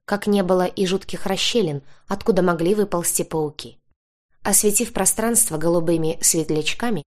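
A woman's voice: fairly low pitch, a little mellow. A woman narrating a first-person fantasy audiobook, lightly voicing the characters' quoted lines.

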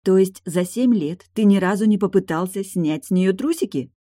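A woman reading an audiobook, voicing a brash, sharp-tongued retired guardswoman who is mocking, blunt and pushy. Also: medium pitch, normal speed, no room sound, studio quality, pitched above the performer's own voice, close to an everyday voice.

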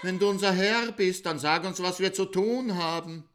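A man voicing a group of frightened nuns in a high, shrieking voice. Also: normal speed, a bit bright. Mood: alarmed.

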